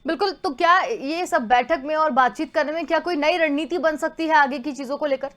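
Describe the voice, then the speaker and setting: A woman's voice: high-pitched, a little fast, fairly bright tone. A woman news anchor asking a correspondent questions and reading bulletin items. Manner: reads bulletin items smoothly.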